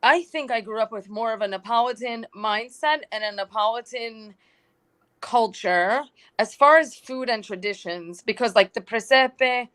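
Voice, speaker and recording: Young woman from New York, lively storyteller, casual podcast roundtable guest. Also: fairly high pitch, measured pace. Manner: chatty, animated storytelling with quoted asides.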